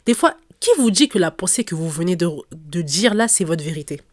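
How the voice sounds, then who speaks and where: A woman's voice: lowish voice, expressive, a little fast, darkish tone, no echo, clean studio sound. A young woman hosting an advice podcast, speaking directly and emphatically to her listeners. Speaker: podcast host.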